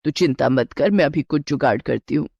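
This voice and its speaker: A woman voicing a shrewd, resourceful middle-aged mother-in-law who talks calmly and reassuringly in a lowered voice. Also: a little fast, gravelly, slightly rough, no echo, highs cut off, exaggerated voice. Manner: calm, reassuring, matter-of-fact.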